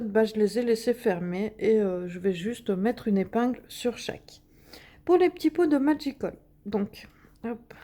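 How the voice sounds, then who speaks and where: A woman's voice: on the high side, mellow. Chatty woman demonstrating crafts. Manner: chatty, many fillers and little "hop" sounds while working. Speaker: craft video host.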